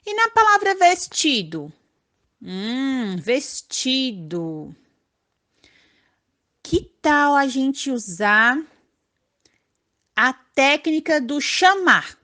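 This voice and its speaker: A woman teacher with a Brazilian accent giving an online lesson to young children, stretching words out syllable by syllable in a slow, sing-song way. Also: high voice, big pitch swings, sharp tone. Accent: Brazilian Portuguese. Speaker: primary school teacher.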